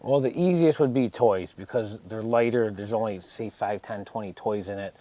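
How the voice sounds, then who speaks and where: A man in his forties with a fairly low, warm voice speaks at a normal speed on a dry recording. He owns a warehouse business and is giving a tour indoors along a large storage aisle, chatting casually and explaining practical details in a matter-of-fact way.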